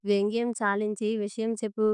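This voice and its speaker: A woman's voice: mid-range voice, flat delivery, fairly quick, darkish tone, clear, resonant tone, dry recording, studio quality, lightly acted. A woman reading as a curt, irritable husband. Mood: irritated. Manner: curt and impatient. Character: irritable middle-aged husband, fed up with nagging.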